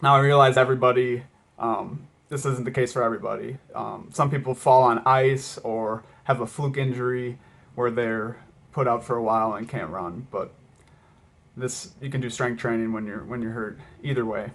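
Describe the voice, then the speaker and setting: A man talking casually as a running vlogger, reflective and hesitant, often pausing mid-thought. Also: mid-range voice, steady tone, a bit bright. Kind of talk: casual vlog talk to camera.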